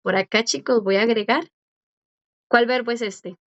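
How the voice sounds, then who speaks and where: A woman's voice: fairly high pitch, normal speed, fairly bright tone, no echo. A woman teaching a language class, patient and encouraging as she quizzes students and praises their answers. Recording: dull lo-fi dry audio.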